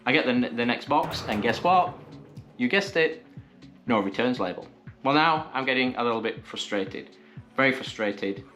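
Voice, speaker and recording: A man's voice: mid-range voice, expressive, moderate pace, fairly bright tone, soft background music. A man vlogging, telling a frustrating story in a casual, exasperated way and acting out both sides of his phone calls.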